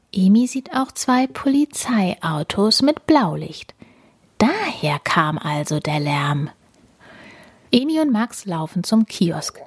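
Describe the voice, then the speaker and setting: Woman reading a children's story, breathy, lively, slow-paced, dry close sound. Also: lowish voice, dry recording. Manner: warm, animated storytelling for kids.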